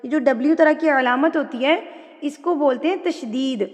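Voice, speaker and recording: A woman teaching an online Quran recitation lesson, explaining patiently step by step and drawing out words slowly when she recites. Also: high voice, big-room sound. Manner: slow drawn-out recitation of Arabic words.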